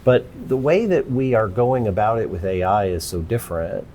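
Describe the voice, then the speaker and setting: A man's voice: on the low side, animated, moderate pace, a little mellow, slight background noise. A man in his forties, an interview guest, explaining his ideas thoughtfully in casual conversation with frequent restarts.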